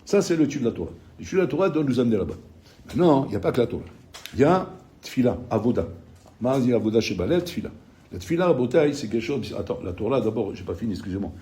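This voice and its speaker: A middle-aged man giving a recorded Torah lesson at a quick clip, his voice dark and mellow. He talks in an animated, repetitive way, stumbling and restarting as he goes, and drops Hebrew terms into his speech. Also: medium pitch. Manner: rapid, repetitive, animated storytelling with many restarts. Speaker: rabbi teaching a Torah class. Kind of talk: recorded Torah lecture with anecdotes.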